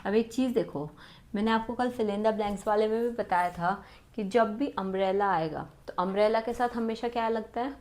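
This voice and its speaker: A woman teaches an exam-prep grammar lesson in a mid-pitched voice. She keeps checking in with her students through rhetorical questions. Her example sentences come out slowly and word by word. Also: darkish tone.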